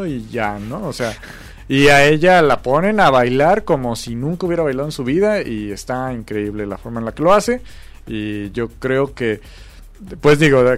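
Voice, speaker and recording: A man, talking in a rambling, hesitant way, full of fillers, as co-host of a casual chat about film awards. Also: mid-range voice. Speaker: podcast co-host.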